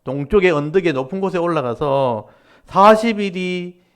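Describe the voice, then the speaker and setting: Animated preaching man, slightly high voice. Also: normal speed, smooth. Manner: addresses the congregation directly, explaining scripture conversationally; animated preaching with rising and falling emphasis. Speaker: pastor. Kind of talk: Korean Wednesday-service sermon.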